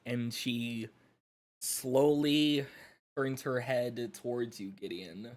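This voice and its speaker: Very slow, deliberate man narrating dramatically. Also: medium pitch, fairly even intonation. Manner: halting, deliberate, dramatic pauses. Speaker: player narrating their character. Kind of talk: improvised tabletop role-play narration.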